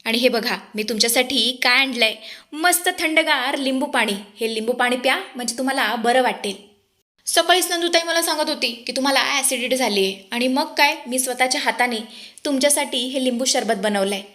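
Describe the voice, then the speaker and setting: A woman's voice: sits high, brisk, bright, forceful tone. A woman voicing a whiny, coaxing young schemer.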